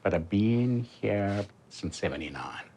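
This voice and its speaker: A man's voice: fairly low pitch, animated, measured pace, warm tone. A man of about sixty with a South African accent, frankly and wryly telling his story in a documentary interview. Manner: frank, wry, chatty. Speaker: prosthetic eye patient. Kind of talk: documentary interview and self-narration.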